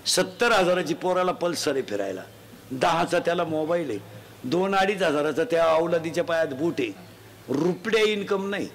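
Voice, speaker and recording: A man giving a humorous moral sermon to a festival crowd, teasing and quizzing the children loudly. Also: fairly high pitch, animated, moderate pace. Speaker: folk preacher addressing a crowd. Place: outdoor festival gathering. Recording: noisy live crowd recording.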